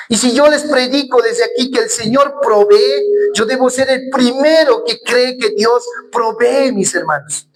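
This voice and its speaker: A man's voice: extremely high pitch, rough recording. A man preaching a sermon in a church. He speaks earnestly, asks rhetorical questions and keeps turning to the congregation as brothers.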